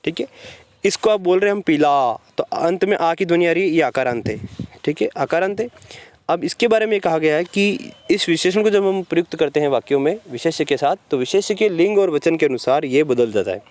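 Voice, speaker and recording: A man's voice: fairly high pitch, animated, brisk, a little mellow, no room sound. Man giving a step-by-step grammar lesson. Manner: explains step by step, asks and answers his own questions, repeats "ठीक है". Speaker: Hindi grammar teacher. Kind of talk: classroom-style grammar lecture.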